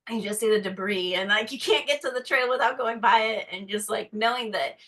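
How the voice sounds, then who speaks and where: A chatty woman guest from North Carolina talks casually, with a bright, forceful tone. She slips into lively put-on voices when she quotes people. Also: a little high, a little fast, rough recording. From North Carolina, USA. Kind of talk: casual conversation.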